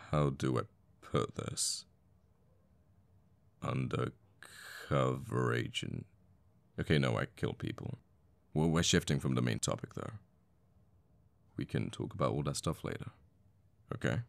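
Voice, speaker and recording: A male actor with a creaky bass voice plays a conflicted, protective assassin boyfriend in an intimate ASMR audio roleplay. He speaks tenderly and haltingly, with pauses, in a heavily acted performance. The recording is dry.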